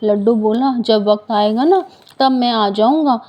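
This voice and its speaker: A woman's voice: fairly high pitch, a little slow. A woman narrating a devotional story in a loose, unscripted way, with restarts and quoted lines. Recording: dull lo-fi recording.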